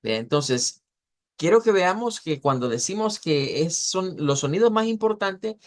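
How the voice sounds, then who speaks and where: A man with a high, animated voice teaches pronunciation in an online class lecture. He explains as he goes, repeating words slowly to model the sounds.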